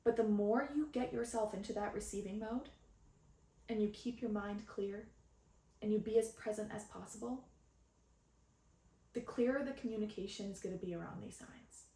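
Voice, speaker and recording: A woman's voice: mid-range voice, normal speed, long pauses, warm tone, roomy sound. Earnest woman podcasting on a phone. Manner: earnest, meandering, frequent "right?". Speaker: podcast host and channeler. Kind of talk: spiritual podcast talk.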